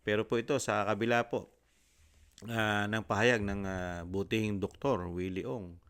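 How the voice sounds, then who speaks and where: A Filipino man hosting a commentary channel, speaking politely and haltingly with many fillers. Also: on the low side, steady tone, a bit bright, clear, resonant tone. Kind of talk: casual commentary.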